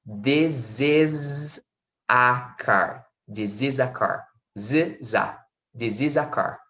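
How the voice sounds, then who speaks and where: A Brazilian man teaching an online English lesson, switching between quick explanations and slow, clear model sentences in English. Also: on the high side. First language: Portuguese.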